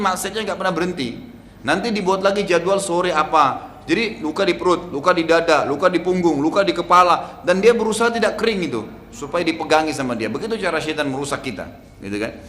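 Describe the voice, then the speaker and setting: A middle-aged man preaching with a fairly high voice, weaving stories and rhetorical asides into his sermon. His voice rings through a long-reverb hall, with faint noise underneath. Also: fairly bright tone. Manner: storytelling, rhetorical "gitu kan" asides.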